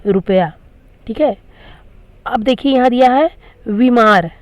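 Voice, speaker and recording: A woman's voice: fairly high pitch, slow pace, darkish tone, no room sound. A woman teacher explaining grammar to school students, patiently repeating each question before giving the answer. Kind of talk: classroom grammar lesson.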